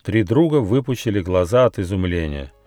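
A man reading his own fairy tale as an audiobook, expressive and animated. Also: deep voice, brisk, dry recording, faint music behind. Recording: dry close studio.

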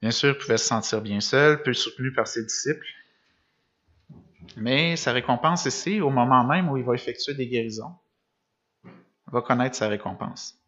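This sermon comes from a man whose mid-range voice is fairly bright; he talks at normal speed but pauses often. After reading each gospel passage he comments on it, restarting now and then and asking rhetorical questions. He is in a church or meeting room with a screen behind him, recorded in dull lo-fi sound.

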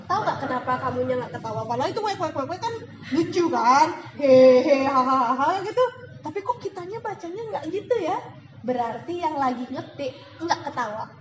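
High-voiced woman giving a lively sales talk. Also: fast talker. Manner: lively, animated, acts out examples. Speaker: sales team leader. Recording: echoey room, dull lo-fi, noisy.

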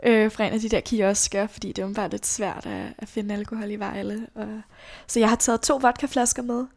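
A young woman telling a personal story as an interview guest, in a casual, halting way with many fillers and casual swearing. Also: medium pitch, fairly even intonation, a little mellow. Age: young adult.

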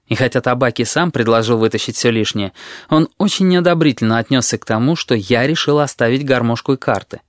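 A man reading an audiobook in the first person, telling the story in a measured, even way. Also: medium pitch, dry recording, clean studio sound. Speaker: audiobook narrator.

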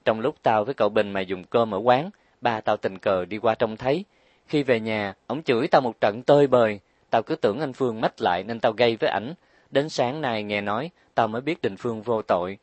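A man's voice: fairly low pitch, a little fast, no room sound, close to an everyday voice. A man reading an audiobook, voicing a proud, stubborn young wife who complains and talks back. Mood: complaining. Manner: defiant, complaining.

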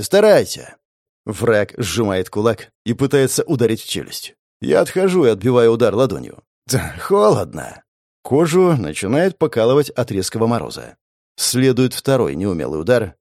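A man's voice: mid-range voice, darkish tone, no echo, clean studio sound. A man giving gritty, intense first-person fantasy audiobook narration, swearing now and then.

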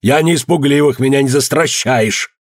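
A man voicing a proud, blunt older beekeeper who shouts back defiantly in a husky, raised voice. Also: medium pitch, normal speed, pitched above the performer's own voice, lightly acted.

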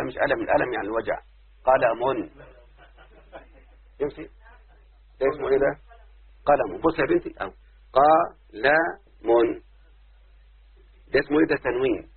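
A man's voice: mid-range voice, quick pace, pauses often, slightly rough. A man with an Egyptian accent teaching Arabic grammar to a class and often stopping to ask whether they understood. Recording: dry, tinny phone-like audio.

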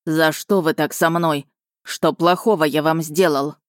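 A woman voicing a put-upon male royal advisor who speaks plaintively, with slow restraint. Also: low voice, steady tone, no room sound, clean studio sound.

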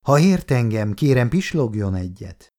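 A man reading an audiobook, voicing a calm, reassuring young female hospital nurse who asks gentle questions. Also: medium pitch, lightly acted.

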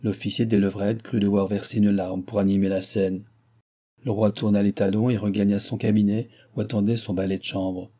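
A man narrating a classic novel as an audiobook, in a measured, literary storytelling manner. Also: lowish voice, flat delivery, warm tone.

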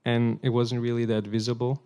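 A man giving a sermon in short phrases, pausing so an interpreter can translate, telling stories with a laugh. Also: mid-range voice, level tone, mellow, clear, resonant tone. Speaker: guest preacher. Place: church hall.

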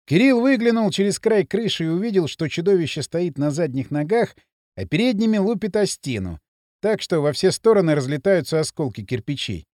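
Male audiobook narrator, high voice, very animated, dry close sound. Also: fairly quick, dry recording. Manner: expressive, dramatic reading. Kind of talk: scripted narration.

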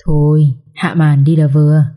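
A woman voicing a sly, sharp-tongued young maid who mocks her rival, in a read-aloud story. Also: sits low, little pitch movement, normal speed, close to an everyday voice. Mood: mocking.

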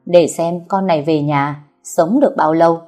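A woman's voice: low-pitched, fairly even intonation, normal speed, dark tone, faint music behind, lightly acted. A woman voicing a spiteful, domineering middle-aged concubine who scolds and threatens servants.

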